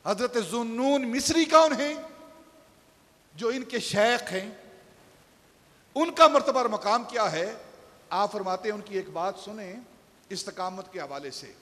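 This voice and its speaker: Male preacher, high voice, long hall echo; storytelling delivery that builds to emphatic peaks. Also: animated, long pauses, fairly bright tone. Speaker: pastor. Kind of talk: Friday sermon. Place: shrine mosque hall.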